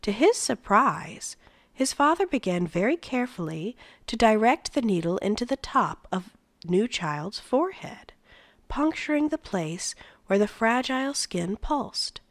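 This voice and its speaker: A woman reading a novel aloud in a soft voice that often drops near a whisper. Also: on the high side, very animated, measured pace, dry recording. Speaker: read-aloud narrator.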